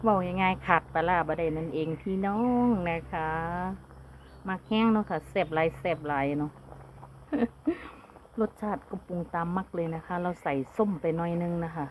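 Casting: Isan woman vlogger, low-pitched voice, chatty with frequent laughs, outdoors with faint rooster noise behind. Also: fairly quick. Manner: chatty, laughs often, polite particles. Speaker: vlogger cooking and gardening at home. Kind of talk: casual chat to camera. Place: outdoors at a rural home.

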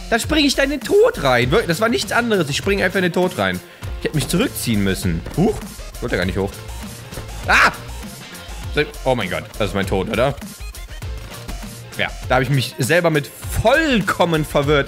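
A man in his twenties giving casual gameplay commentary on a close studio microphone, excitable and joking, often exclaiming as he plays. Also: fairly high pitch. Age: 20s. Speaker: gaming YouTuber. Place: indoor room at home, on a couch. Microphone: close studio condenser microphone with pop filter.

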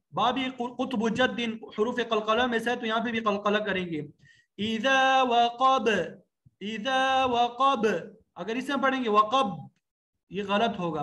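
A man teaching Quran recitation to a class. He draws out syllables slowly, repeats them for students to copy, and explains the rules briskly in between. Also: sits high, fairly bright tone. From Pakistan. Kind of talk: classroom tajweed lesson.

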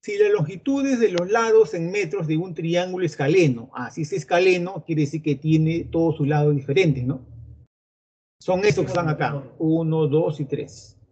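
A man's voice: on the high side, moderate pace, darkish tone, breathy edge. A middle-aged man with a Peruvian Spanish accent teaching an online pre-university math class, chatting directly with his students. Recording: dull lo-fi audio with faint noise.

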